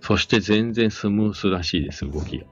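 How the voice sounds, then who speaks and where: A man's voice: lowish voice, lively intonation, brisk. A man hosting a casual live radio chat, speaking politely and chattily. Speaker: radio host. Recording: dull lo-fi audio, faint music behind. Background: faint music.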